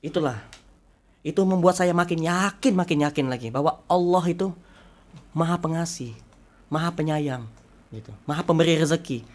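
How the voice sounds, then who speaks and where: A man's voice: normal speed, long pauses. A young man, a talk show guest, telling a story with lots of animation and acting out every line of dialogue. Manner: acts out dialogue, swinging pitch and loudness.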